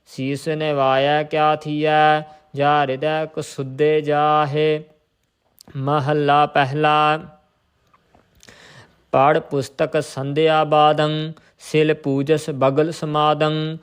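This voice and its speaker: Male recitation teacher, measured and monotone chant, fairly high voice. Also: smooth. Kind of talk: slow scripture recitation with pronunciation tips.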